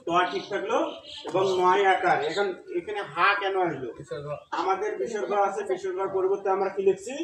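A teacher giving a Sanskrit pronunciation lesson, explaining slowly with a Bengali accent, chanting verse syllable by syllable and asking students questions. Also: mid-range voice. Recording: echoey room from far off with loud noise.

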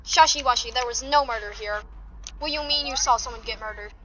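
A young woman talks through her gameplay in a dramatic, gushing way. Her voice is high and bright. The mic sounds dull, with faint noise. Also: fast. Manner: excitable, dramatic, gasping and gushing. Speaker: gaming streamer. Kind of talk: casual gameplay commentary.

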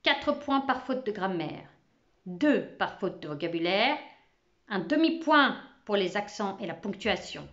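A woman voicing a strict male French teacher who dictates rules flatly. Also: mid-range voice, measured pace, highs cut off. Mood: stern.

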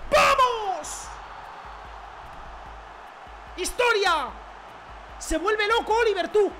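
Loud excitable gamer. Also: male voice, high voice. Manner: loud outbursts, swearing and repeated catchphrases. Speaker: gaming streamer. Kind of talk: excitable gameplay commentary. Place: his bedroom at home.

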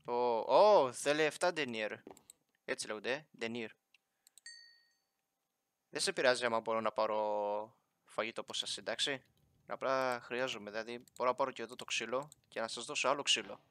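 Young guy playing minecraft, bright voice, dry close mic, jokes at the villagers. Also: mid-range voice, no room sound. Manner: chatty, joking, talks to villagers and animals in the game. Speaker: gaming YouTuber. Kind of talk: casual Minecraft let's play commentary.

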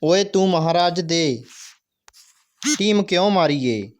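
A man's voice: on the high side, expressive, takes it slowly, slight background noise. A man reading the part of a stern, bossy royal soldier in a school play, scolding in his own voice.

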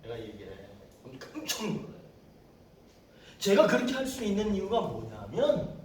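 A middle-aged male pastor telling stories in a conversational sermon, sometimes shouting quoted lines. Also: high-pitched, huge pitch swings, moderate pace, a little hiss or hum. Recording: echoey room from a distance.

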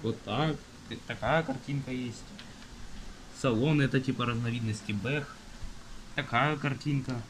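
A young man casually reviewing a car magazine page by page, listing items in a halting way with fillers, filmed on a phone at a table indoors while rain falls outside. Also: medium pitch, slight background noise, low-quality recording. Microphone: phone camera filming from above.

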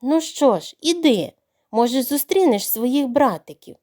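A woman's voice: high-pitched, sing-song, unhurried, mellow. A woman voicing a worried, protective mother duck in a storybook. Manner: anxious and protective.

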